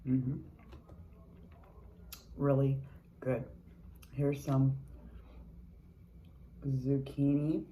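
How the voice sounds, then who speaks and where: A mukbang vlogger with a mellow, mid-range voice chats between bites in a casual eating video, full of chewing murmurs and candid, sweary remarks. The recording is rough, with slight background noise.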